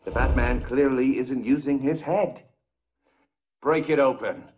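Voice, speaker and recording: An actor playing an arrogant older crime villain in a video game, gravelly, theatrical, taunting and condescending. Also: male voice, medium pitch, measured pace, darkish tone, slight background noise, natural voice. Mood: smug.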